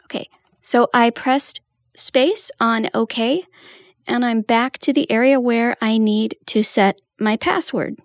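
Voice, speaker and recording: A woman's voice: on the high side, slow pace, no echo, clean studio sound. A woman giving a patient, step-by-step tutorial walkthrough as a trainer. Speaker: assistive technology trainer.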